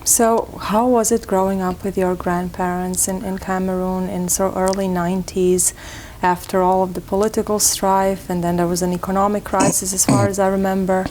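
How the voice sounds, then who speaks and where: Woman interviewer, medium pitch, asks pointed follow-up questions. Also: normal speed, a little hiss or hum, poor audio. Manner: probing, steady "mm-hmm" backchannels. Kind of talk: conversational interview.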